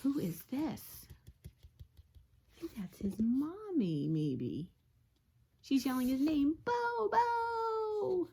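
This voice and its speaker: A teacher reading a picture book aloud to young children, pausing to ask them questions and often dropping into a soft whisper. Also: female voice, a little high, wildly swooping pitch, husky. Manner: gentle, asks listeners questions, drops to whispers. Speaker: teacher reading to her class.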